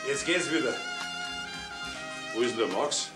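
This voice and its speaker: Chatty nosy older bavarian guy played by a man, medium pitch, music behind, old tv show. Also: expressive, a little slow, close to an everyday voice. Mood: affable, probing. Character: nosy, affable older working man playing harmless. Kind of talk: 1960s German TV crime acting.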